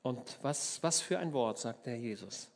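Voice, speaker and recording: A man from Germany preaches a sermon with an animated, conversational delivery, checking in with his listeners as he goes. He slips into the voices of the people in the story to bring it to life. His voice sits in a middle pitch. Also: normal speed, vocal fry. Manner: lively storytelling, acts out voices, asks the listeners questions.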